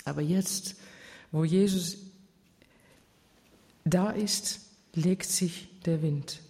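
Earnest male preacher, unhurried delivery, warm low-key voice, church hall echo. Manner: slow, earnest retelling with dramatic pauses. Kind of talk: sermon. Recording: long church reverb.

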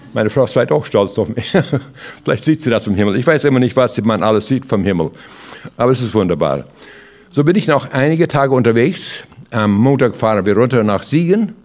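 Older man giving a lively, halting testimony. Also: on the low side. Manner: warm storytelling, rhetorical questions, laughs between points; halting with many restarts. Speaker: traveling evangelist. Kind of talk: informal sermon testimony.

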